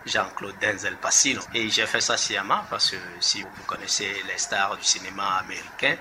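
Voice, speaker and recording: A middle-aged man from Togo, an author and university lecturer, talks about his life and his novel in a relaxed, conversational way with small hesitations. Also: sits low, normal speed. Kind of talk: recorded interview. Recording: noisy background recording.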